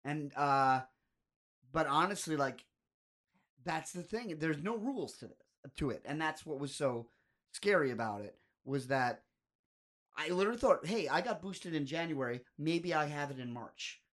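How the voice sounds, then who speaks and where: Joking male podcast host, higher voice. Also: lively intonation, fairly bright tone. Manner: joking, quick to riff and exaggerate. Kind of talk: casual conversation.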